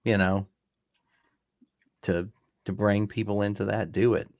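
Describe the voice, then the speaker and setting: A man's voice: on the low side, a little slow, no room sound, studio quality. A man co-hosting a casual movie commentary, rambling with frequent restarts. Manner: relaxed, rambling, talks in restarts. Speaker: podcast co-host. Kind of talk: casual film commentary chat.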